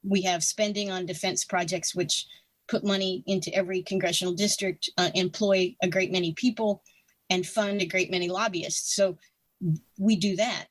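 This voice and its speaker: A woman's voice: on the low side, fairly even intonation, normal speed, no room sound. A woman of sixty, a podcast guest, giving frank, opinionated views in casual talk full of restarts and fillers. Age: 60s.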